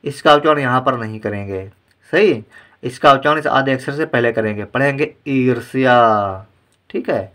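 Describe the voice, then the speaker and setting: Indian guy teaching hindi reading, bright clear voice, stretches out each word slow for practice. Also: medium pitch. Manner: slow, drawn-out word-by-word pronunciation drills. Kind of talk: explaining lesson to viewers.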